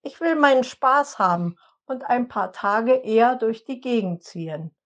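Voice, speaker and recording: A woman's voice: fairly high pitch, animated, measured pace, lo-fi sound, pitched above the performer's own voice. A woman plays a cheeky male storm spirit who mocks and teases. His tone stays sly in this storybook reading. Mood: mocking. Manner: mocking, teasing.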